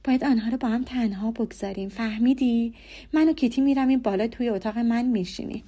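A woman voicing an excitable, fussy middle-aged mother in an audiobook, calling out shrilly and in a rush. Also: fairly high pitch, natural voice. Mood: scheming.

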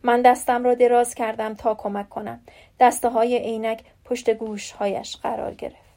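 Woman, audiobook narration, first person, calm measured reading, slightly high pitch. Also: vocal fry.

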